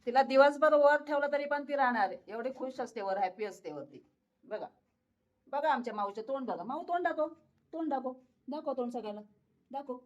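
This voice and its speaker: A woman's voice: high-pitched, normal speed, muffled recording. A woman in a casual pet vlog, talking to her viewers and coaxing her cat, repeating words and laughing often. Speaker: pet vlogger. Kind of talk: casual talk to camera while coaxing a cat.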